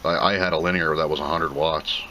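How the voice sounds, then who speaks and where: This video host has a bass voice with a sharp tone, speaking briskly with fairly even intonation. He unboxes a product in a casual, plain-spoken way, rambling and thinking out loud. Background noise is clearly present.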